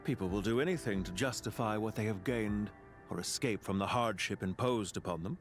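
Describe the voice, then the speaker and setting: An actor playing a composed, philosophical man in a video game, speaking in formal, deliberate phrases. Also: on the low side, natural voice. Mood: solemn, cool. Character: composed, philosophical man bidding a measured farewell. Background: music.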